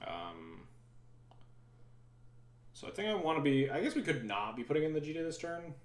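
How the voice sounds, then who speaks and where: A man's voice: fairly high pitch, very animated, moderate pace, reverberant. A man streaming a card game, thinking aloud in rambling, sometimes sarcastic casual commentary.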